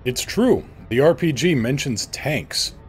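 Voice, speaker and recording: This game streamer answers his live viewers by name, keeping things playful and full of jokes. His medium-pitched voice is expressive and measured in pace, and faint music sits behind him.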